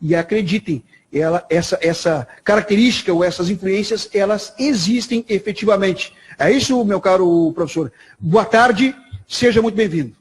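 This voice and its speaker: Husky, upbeat TV host man. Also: high voice, moderate pace. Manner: chatty, upbeat presenter with jokes. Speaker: TV show host. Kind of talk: local TV interview. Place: TV studio.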